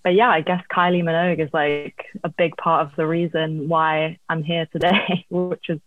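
A woman's voice: deep voice, flat delivery, normal speed, dry recording, phone-quality sound. A woman songwriter being interviewed, chatting casually about her career over thin call audio. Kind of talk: casual chat, telling career story.

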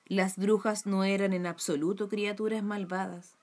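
A woman reading a children's story aloud with gentle, expressive storytelling. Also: mid-range voice, normal speed.

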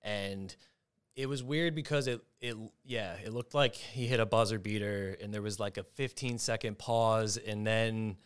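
A young adult man hosting a casual sports betting talk show, telling stories in an animated, excitable way. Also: lowish voice, moderate pace, smooth. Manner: animated storyteller, excitable, mimics shouting. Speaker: host.

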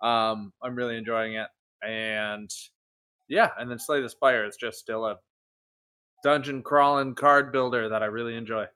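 A man on a gaming podcast with a bright, sharp-edged voice. He teases his co-hosts and rambles through his points, filling the gaps with ums. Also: mid-range voice, fairly even intonation, moderate pace, clear, resonant tone. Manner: teasing, rambling with many ums. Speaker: podcast co-host. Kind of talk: casual gaming podcast chat.

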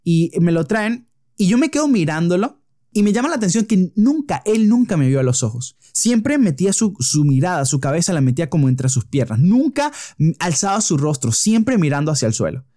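A man's voice: sits high, sing-song, brisk, warm tone, no echo, clean studio sound. A man preaching a sermon, telling a story vividly and stressing points through repetition. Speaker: pastor.

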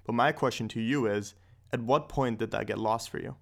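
A man's voice: mid-range voice, brisk, creaky, a bit bright. A man in his twenties from Austria, hosting a podcast and talking loosely and candidly. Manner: loose and candid, lots of "like" and swearing. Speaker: podcast host. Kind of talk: casual podcast chat. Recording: echoey room.

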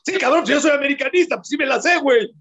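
A man's voice: very high voice, very fast, fairly bright tone. A man with a Mexican Spanish accent, co-hosting in casual chat, joking and profane as he chimes in. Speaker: co-host. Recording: dull lo-fi sound.

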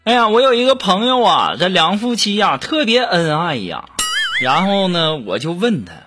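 A man tells jokes in a casual monologue. His fairly high voice rises and falls, full of exclamations. Background music plays clearly the whole time. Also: moderate pace. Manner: animated storyteller, exclamations. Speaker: host reading joke submissions. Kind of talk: casual joke-telling monologue. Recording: steady background music under voice.

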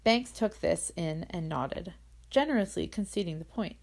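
Brief: woman narrator, low gravelly voice, measured expressive audiobook reading.

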